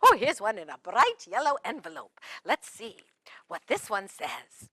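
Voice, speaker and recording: A woman's voice: medium pitch, wildly swooping pitch, a little slow, sharp tone, husky, no echo, voice pushed down, full character voice. A woman playing a cheerful, kindly Mrs Claus in a children's show, with a sing-song, laughing voice. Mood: delighted. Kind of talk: children's show role-play.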